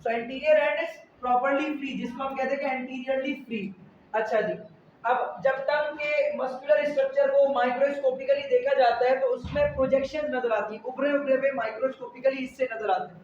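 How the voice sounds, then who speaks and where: A man teaches biology in a classroom and keeps firing questions back at his students. His fairly high voice sounds dull and lo-fi. It is picked up from a distance in a very echoey room, with faint noise underneath. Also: steady tone, moderate pace. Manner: quizzes students with repeated questions. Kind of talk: classroom lecture. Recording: echoey lo-fi room recording from afar.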